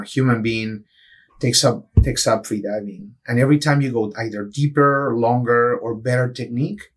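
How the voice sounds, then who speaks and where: Man from Peru, middle-aged, interview guest, earnest explainer, mid-pitched voice. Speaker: neurosurgeon guest. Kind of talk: interview answers.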